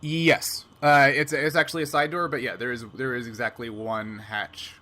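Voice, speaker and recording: This game master talks his way through an improvised sci-fi tabletop session, chatty and stopping at times to search for words. His pitch sits in the middle, his tone stays level, and there's a sharpness to it.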